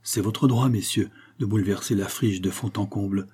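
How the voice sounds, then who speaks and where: Brief: male narrator doing nervous stammering village molder, low and husky. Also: fairly even intonation, moderate pace. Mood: troubled. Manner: hushed, stammering, uneasy.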